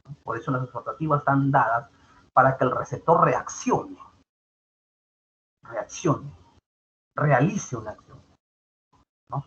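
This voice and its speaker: A male teacher with a mid-range, fairly bright voice gives an online grammar lesson, explaining patiently and repeating his points with tag questions. The recording sounds dull and lo-fi, with faint background noise.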